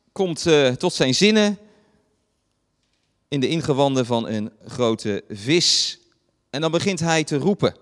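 A man preaching a sermon, retelling a Bible story and acting out the voices in it, with fillers and pauses. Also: a little high, big-room sound. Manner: dramatizes quoted voices, pausing with fillers.

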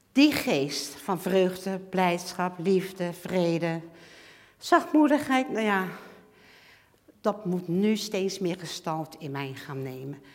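A woman giving a lively church testimony, acting out little dialogues and swinging between loud and hushed. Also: fairly low pitch. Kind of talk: sermon testimony. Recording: long hall reverb.

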